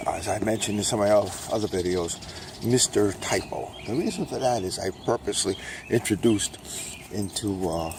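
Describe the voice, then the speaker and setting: An older man from Brooklyn rambling casually on a morning dog walk, pitching his own books with self-mocking salesman patter and a repeated catchphrase. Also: moderate pace, noisy background. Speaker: self-published author promoting his books. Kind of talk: casual rambling vlog while walking a dog.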